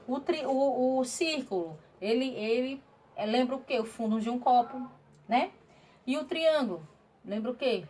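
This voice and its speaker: A woman teaching primary school Portuguese in a remote class, patiently walking through workbook exercises and checking in with the pupils. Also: high-pitched. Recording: distant mic, faint room noise.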